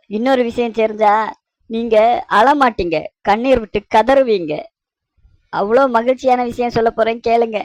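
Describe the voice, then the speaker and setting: A woman's voice: fairly high pitch, a little mellow, no echo, close to an everyday voice. A woman voicing a talkative, scheming middle-aged mother-in-law in a cartoon, coaxing and fussy. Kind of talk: cartoon voice acting.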